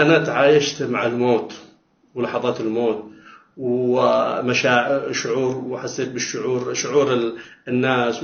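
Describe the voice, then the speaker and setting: Recorded on a phone, a mid-range male voice sounds roomy and muffled as he gives an emotional testimony about nearly dying. He tells it with dramatic emphasis, repeating words and pleading with his listeners.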